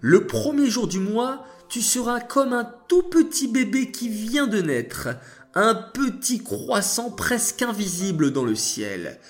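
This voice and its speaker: A man voicing a kind, patient God who consoles the moon in a children's story, speaking low, slow and reassuring. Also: sing-song, faint music behind, exaggerated voice. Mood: explaining.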